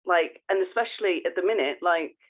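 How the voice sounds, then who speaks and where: A woman with a voice on the low side talks fairly quickly as a podcast co-host in casual conversation. She explains things informally and keeps restarting sentences, captured with a narrow, phone-like sound.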